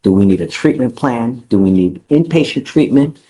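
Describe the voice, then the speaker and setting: A man's voice: medium pitch, animated, moderate pace, dark tone, rough recording. A man presiding as judge in a courtroom, lecturing a defendant in a stern, exasperated way. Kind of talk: courtroom ruling.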